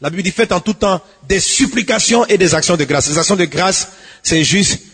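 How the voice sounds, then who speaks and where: A man preaching a sermon as a pastor, swinging between hushed pleading and shouted exhortation, with a husky voice. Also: high-pitched, animated, moderate pace, long reverb tail.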